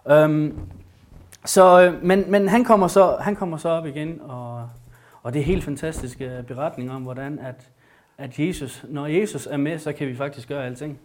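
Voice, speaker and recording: A man's voice: on the high side, fairly even intonation, darkish tone. A man giving an informal, enthusiastic sermon with a Bible reading, talking with many fillers and restarts. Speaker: preacher.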